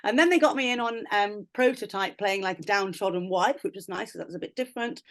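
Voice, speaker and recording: A woman's voice: medium pitch, fast. A young woman, an actress, chatting casually and bubbly in an interview, with many fillers.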